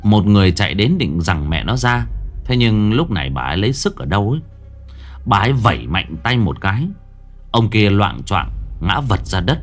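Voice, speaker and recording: A man narrating a horror story in a dramatic, expressive storytelling manner. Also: on the low side.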